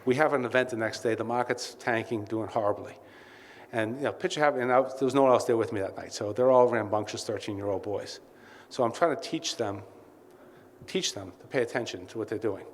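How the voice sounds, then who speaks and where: A man's voice: medium pitch, fairly quick. A man giving a welcome speech as CEO at a client event, telling candid anecdotes with many asides. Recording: reverberant hall with faint ambient noise.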